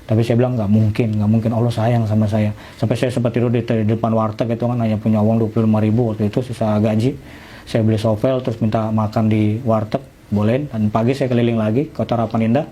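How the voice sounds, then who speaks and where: A man's voice: lowish voice, level tone, fast talker, mellow, husky. A middle-aged man, casually telling his own story and acting out the dialogue. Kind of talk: casual personal testimony.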